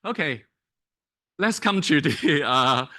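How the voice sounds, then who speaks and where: In a lecture hall, a man whose first language is Cantonese gives a public talk full of fillers and restarts, often checking in with "right?" His voice is on the high side, animated and sharp in tone.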